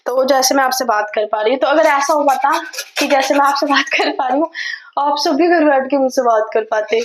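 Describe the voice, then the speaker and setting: High-voiced chatty woman cooking at home. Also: a little hiss or hum, low-quality recording. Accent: Jammu. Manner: chatty, devotional asides, mixes English words into Hindi; tries to speak slowly and softly. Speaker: vlogger. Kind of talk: casual cooking vlog talk to camera. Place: home kitchen.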